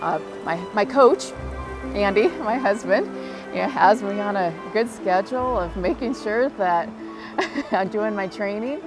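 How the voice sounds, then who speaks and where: A woman's voice: medium pitch, unhurried, rough recording. A middle-aged woman with a Montana American accent, a fly fishing guide, talking earnestly and with enthusiasm in an outdoor interview by a river. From Montana, USA. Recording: interview with music bed.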